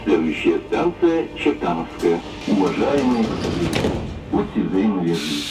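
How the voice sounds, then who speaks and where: A man's formal station announcement comes over a metro loudspeaker, low-pitched and measured but with a lively rise and fall. It sounds distant, as through a public-address system, and loud rock music plays over it.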